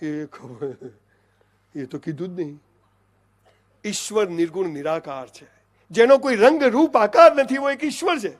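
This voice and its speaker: A man's voice: high-pitched, measured pace, pauses often. A middle-aged man with a Gujarati accent giving an emphatic motivational speech to an audience, often calling listeners "saheb" and "boss". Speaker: motivational speaker.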